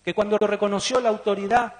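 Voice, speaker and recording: A man's voice: high-pitched, level tone, fast talker. A man with a Rioplatense Spanish accent preaching a sermon, putting questions to the congregation. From Argentina. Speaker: pastor. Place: church hall. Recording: long church reverb.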